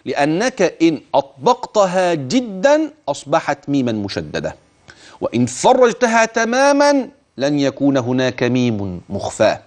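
Man teaching Quran recitation, lively pitch. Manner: addresses the listener directly, urging attention; stretches words slowly to demonstrate pronunciation. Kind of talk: tajweed lesson with recited examples.

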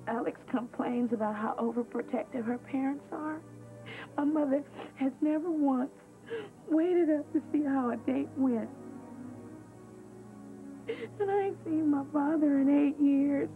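An actress playing a teenage girl in her senior year who longs for her mother's approval, speaking haltingly and confidingly, heard from a worn VHS tape copy. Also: high-pitched. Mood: hurt. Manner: halting, confiding, pausing to find words. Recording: muffled lo-fi worn videotape sound with faint music.

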